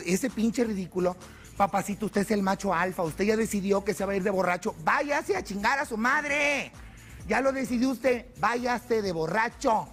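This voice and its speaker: A man voicing a bossy, sarcastic wife scolding her husband in a stand-up bit. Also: sits high.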